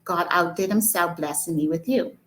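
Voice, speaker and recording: A pastor's wife around forty speaks warmly to her husband, voiced by the author reading her own book. The pitch is low and the delivery stays plain. It is a storybook read-aloud. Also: normal speed, reverberant, lightly acted, rough recording. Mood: affectionate.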